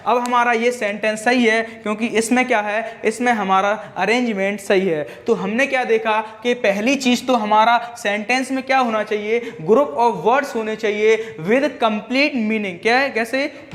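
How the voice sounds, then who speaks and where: A man's voice: very high-pitched, a bit bright. Man, teacher, classroom lecture, repeats himself, asks questions and answers them, mixes in English terms.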